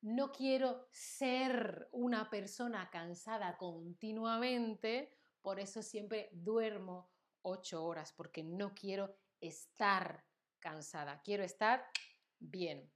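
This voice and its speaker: A woman's voice: mid-range voice, slow. A woman from Spain with a Spanish accent, teaching a live-streamed language class with acted examples and frequent check-ins.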